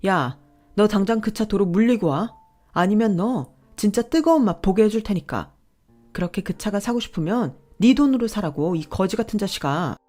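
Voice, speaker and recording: A woman voicing a furious young pregnant wife who scolds and shouts at her husband. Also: mid-range voice, animated, normal speed, soft background music, close to an everyday voice.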